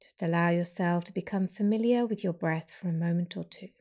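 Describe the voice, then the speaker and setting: This is a slow, soothing breathing meditation led by a woman whose voice is mellow and a touch low. She speaks softly and lets long silences fall between each instruction.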